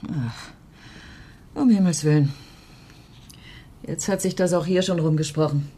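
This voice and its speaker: An actress with a low, dark, slightly rough voice speaks slowly in an exaggerated way, playing a bitter, blunt, tough countrywoman in a radio drama. Her delivery is terse and resolute, bitter and weary, in naturalistic dialogue.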